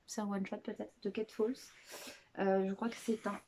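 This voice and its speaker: Hesitant, mellow-voiced woman chatting about books. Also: medium pitch, level tone, a little hiss or hum. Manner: hesitant, many filler pauses and restarts. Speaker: book vlogger. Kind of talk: casual chat presenting books.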